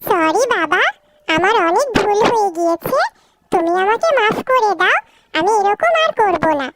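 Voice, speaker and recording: A woman's voice: very high voice, expressive, moderate pace, fairly bright tone, a little hiss or hum. A woman voicing a naughty young boy in a cartoon who is cheeky and fond of chips, whining and pleading. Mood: sulky. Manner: pleading and whiny. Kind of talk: cartoon voice acting.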